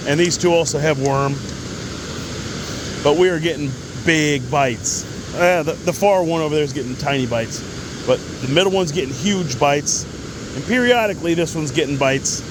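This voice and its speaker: Higher-voiced man vlogging over loud water noise. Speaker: amateur angler filming a fishing vlog. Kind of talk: casual outdoor vlog chat. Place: outdoors by a waterfall. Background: rushing water.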